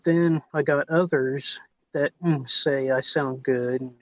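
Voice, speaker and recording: A man's voice: medium pitch, steady tone, slow pace, no echo. Man with hillbilly twang, lo-fi sound. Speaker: podcast co-host. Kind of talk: casual chat. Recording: dull, lo-fi voice line.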